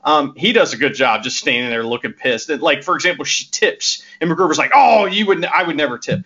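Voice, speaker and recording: A man's voice: on the high side, brisk, bright, forceful tone, breathy edge. A man co-hosting a podcast, casually recapping a comedy movie, laughing often and acting out quoted lines. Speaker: podcast co-host. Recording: dull lo-fi audio.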